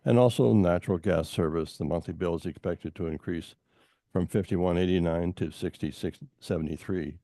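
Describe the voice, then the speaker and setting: An older man speaks at a public hearing in a very low, gravelly voice with a dark tone. He halts often, filling gaps with fillers and restarting phrases. The sound is dry and close. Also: no echo. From Montana. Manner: halting, many fillers and restarts. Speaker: public commenter at a utility hearing. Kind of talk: formal public testimony.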